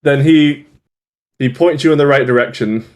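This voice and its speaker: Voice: medium pitch, normal speed. A game master narrating a tabletop role-playing session in a loose, laughing way.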